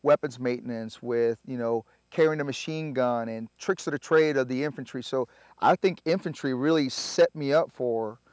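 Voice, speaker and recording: Relaxed man, dry sound. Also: mid-range voice, no room sound. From Puerto Rico. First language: Spanish. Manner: relaxed, halting, lots of filler sounds. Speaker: army veteran guest. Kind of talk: casual interview storytelling.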